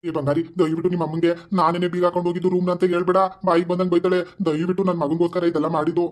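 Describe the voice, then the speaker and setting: A nervous, scheming son-in-law from an animated comedy, voiced by a man. His voice sits a little high and stays flat. He pleads and grumbles at a rushed pace. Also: close to an everyday voice. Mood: harried.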